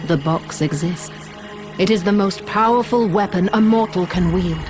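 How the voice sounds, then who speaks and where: Woman voicing a stately goddess, calm, commanding, measured; game cutscene, music under. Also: medium pitch, close to an everyday voice. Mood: solemn. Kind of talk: video game cutscene acting. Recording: loud music behind.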